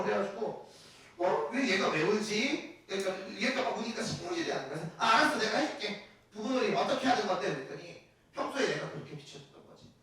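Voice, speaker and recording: Lively high-voiced middle-aged male teacher. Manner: chatty storytelling, then emphatic drilling questions to students. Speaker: Korean language teacher. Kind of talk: classroom lecture with personal anecdotes. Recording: very echoey room, distant mic, faint hiss.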